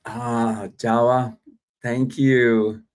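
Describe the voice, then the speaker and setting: Speaking extremely slowly in a medium-pitched, level and clean voice, a middle-aged Australian hosts an acting livestream. His talk is chatty and full of fillers as he reads viewer comments aloud, picked up on a phone or desk microphone.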